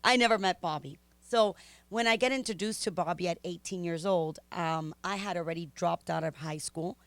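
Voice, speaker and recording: A middle-aged woman from Miami, Florida, a native Spanish speaker with a Spanish-influenced Miami accent, speaks at a moderate pace in a fairly low voice with no echo. As a podcast guest she tells her story candidly, animated and chatty, with frequent ums and laughs.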